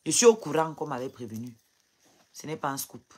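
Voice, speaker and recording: A woman's voice: deep voice, sing-song, fairly quick, dark tone, husky. A woman crying as she talks on a live stream into her phone, firing defiant rhetorical questions at her viewers. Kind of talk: emotional live stream rant.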